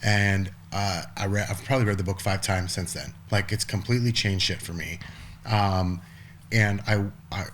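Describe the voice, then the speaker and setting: A man's voice: sits low, steady tone, moderate pace, a bit bright, a little hiss or hum. A man in his forties, a podcast guest, talking casually in a rambling way with lots of restarts and the odd swear word. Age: 40s. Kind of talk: casual conversation.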